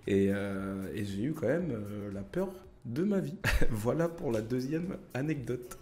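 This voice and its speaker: A man's voice: medium pitch, lively intonation, a little slow, warm tone. A young man casually telling travel anecdotes to camera, chatty and full of fillers, speaking straight to his viewers. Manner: chatty, many fillers, addresses viewers directly.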